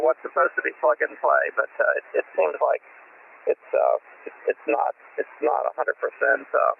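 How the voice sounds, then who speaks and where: A man with a gravelly voice, checking in on a radio net and rambling hesitantly. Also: fairly high pitch. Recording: tinny radio transmission with hiss.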